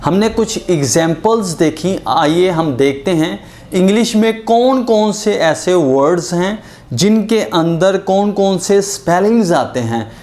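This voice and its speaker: An English pronunciation teacher giving a lesson and drawing out each example word slowly. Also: medium pitch, expressive, darkish tone. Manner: drawn-out example words, explained in Hindi-Urdu.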